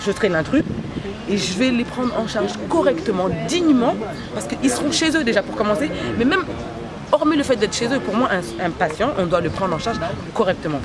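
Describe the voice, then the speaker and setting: A woman's voice: on the high side, animated, fairly quick. A woman in her thirties, a home-care nurse raised in France, speaking earnestly and passionately in a street interview, with frequent restarts. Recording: loud crowd and traffic behind.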